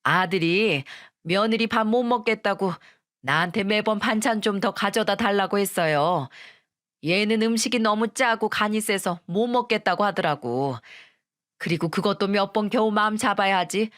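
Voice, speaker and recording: A woman's voice: medium pitch, moderate pace, a bit bright, dry recording, studio quality, lightly acted. Woman doing a fretful older mother-in-law. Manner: hesitant, sighing.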